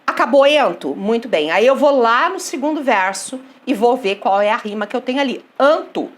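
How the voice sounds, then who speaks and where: Animated woman teaching poetry. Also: on the high side. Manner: animated, explains step by step and asks the class questions; reads verse slowly and softly. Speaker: literature teacher. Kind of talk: online poetry lesson.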